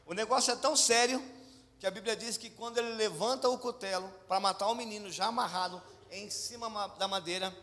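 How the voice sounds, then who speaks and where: A middle-aged man with a Brazilian Portuguese accent preaches in a high, ringing voice. He tells his story dramatically, dropping to near whispers and then calling out, and has the congregation answer back. A long church hall reverb trails each phrase. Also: a little fast. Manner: animated storytelling, swings from hushed to shouted; leads congregation call-and-response. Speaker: pastor. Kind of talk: sermon.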